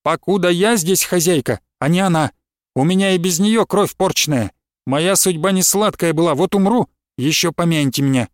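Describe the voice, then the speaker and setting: A man's voice: high voice, moderate pace, no room sound, clean studio sound, natural voice. A man reading aloud, voicing a bitter, scolding old village woman in a storybook. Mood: weary. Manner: scolding, rustic speech.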